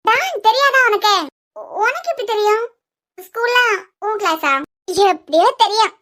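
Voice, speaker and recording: A woman's voice: very high voice, sing-song, moderate pace, a bit bright, exaggerated voice. A woman voicing a talkative young hospital nurse who soothes the family, in a Kanyakumari Tamil accent. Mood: reassuring chatty.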